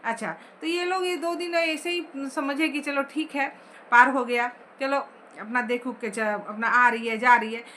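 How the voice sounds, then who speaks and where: A woman's voice: high voice, unhurried, pushed and bright, a little hiss or hum. A woman teacher explaining a story chapter line by line, asking the class questions as she goes.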